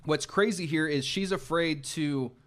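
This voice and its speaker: A man's voice: fairly high pitch, unhurried, a bit bright. A man hosting a music reaction, thinking aloud as he analyses the lyrics and meaning of each song, with occasional restarts. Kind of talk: reflective song breakdown.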